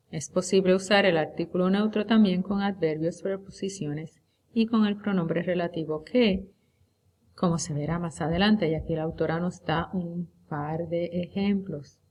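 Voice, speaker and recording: A woman teaching Spanish at an unhurried, careful pace, with a somewhat low voice. She stretches out her example words so her students can follow each one. It sounds like a recorded review lecture. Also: a little mellow. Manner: slow and deliberate, drawing out example words.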